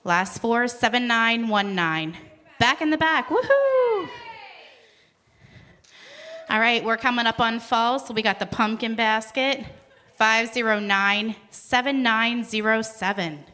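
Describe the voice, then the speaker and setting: Upbeat woman emceeing a raffle, reading numbers slowly and joking between draws. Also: fairly high pitch, steady tone, bright, forceful tone, clean tone. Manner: playful, chatty asides between reading out ticket numbers. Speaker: raffle caller at a celebration event. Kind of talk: live raffle announcing.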